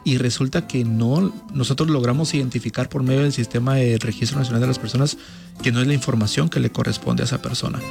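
In a radio interview, a man speaking as a consulate official explains matters formally and patiently. His voice is medium-pitched and creaky, with faint music in the background.

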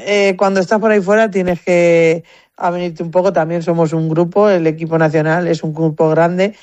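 As an interview guest, a competitive shooter from Spain talks casually and anecdotally with a Spanish accent, frequently repeating words mid-thought. Her voice sits low with a darkish tone and fairly even intonation, at a moderate pace and with no echo.

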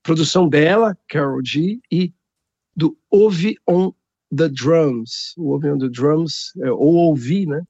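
Speaking slowly in a slightly rough voice, a Brazilian man with a Brazilian Portuguese accent runs a radio music show from his home studio. He chats, jokes, and introduces songs with lively pitch swings, on a recording with no echo and the highs cut off.

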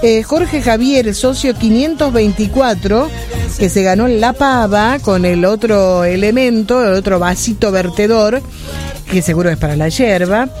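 An Argentine woman hosts a late-night radio show with a chatty, reassuring manner. Her voice sits at a medium pitch. Faint music plays behind her. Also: unhurried. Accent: Argentine Spanish. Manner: chatty, warm-hearted and reassuring with listeners. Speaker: radio host.

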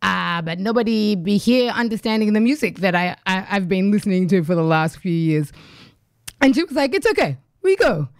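A woman's voice: mid-range voice, normal speed, no room sound, clean studio sound. Chatty woman radio host. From Uganda, raised in Australia. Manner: chatty, animated, loose and rambling with asides. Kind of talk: casual radio hosting between songs.

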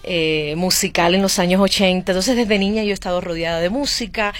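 A Cuban singer and actress with a Cuban accent chats as a guest on a casual radio interview from a studio booth. Her voice is lowish and a little fast, and she hesitates often with fillers.

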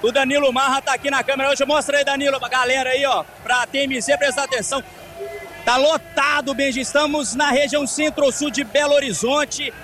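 A man with a Brazilian accent reporting live from a crowded outdoor bar area, hurried and upbeat. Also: very high-pitched, fairly even intonation, pushed and bright. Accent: Brazilian Portuguese. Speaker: field reporter.

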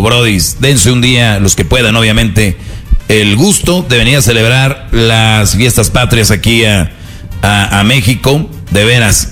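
A man's voice: medium pitch, fairly bright tone. A man bantering playfully and teasing his co-hosts on a comedy show. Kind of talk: joking banter.

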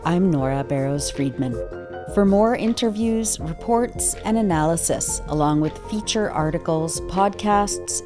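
A woman presenting a radio programme, reading a scripted outro. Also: lowish voice. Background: guitar music.

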